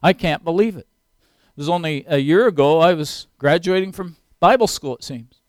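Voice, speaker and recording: Older preacher, clean dry voice. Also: male voice, on the high side, moderate pace, dry recording. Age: 60s. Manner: earnest preaching, rising to emphatic peaks. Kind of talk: sermon.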